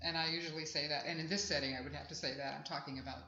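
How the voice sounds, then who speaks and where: A chatty singer-songwriter in her sixties, with a bright yet deep voice and a steady tone, talks at a racing pace as a guest in a casual interview at an outdoor festival. Her manner is warm, reflective and rambling. The live field recording from the festival grounds sounds echoey and dull.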